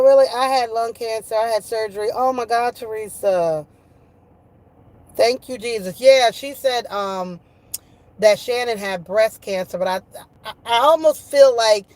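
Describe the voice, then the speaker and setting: A woman's voice: a little high, moderate pace, darkish tone. A woman chatting casually on a livestream in a slangy, profane, gossipy way, often repeating her phrases for emphasis. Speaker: online streamer talking with live chat viewers.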